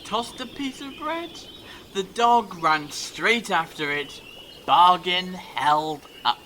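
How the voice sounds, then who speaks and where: High-pitched actor as eccentric male alien time traveller, theatrical, curious, dramatic pauses, audio drama, noisy outdoor ambience. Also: animated, sharp tone, full character voice. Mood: dramatic storytelling. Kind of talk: fan audio drama acting.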